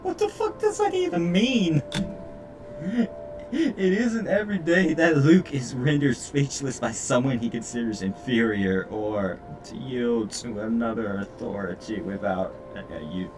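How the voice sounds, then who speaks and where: This streamer has a mid-range voice with lively intonation and an unhurried pace. He reads the game's story aloud, tripping over words and adding sweary remarks, while game music and other background noise play behind his distant mic.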